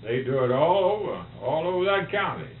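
A man's voice: a little high, very animated, a little fast. A man in casual conversation, talking in plain, folksy country speech on a tinny, humming tape. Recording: roomy, tinny tape with faint hum.

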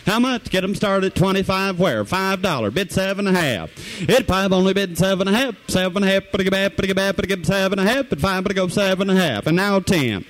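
Male auctioneer, notably high voice, fast repetitive sing-song bid chant. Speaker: auctioneer at a household goods auction. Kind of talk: rapid rhythmic auctioneer chant.

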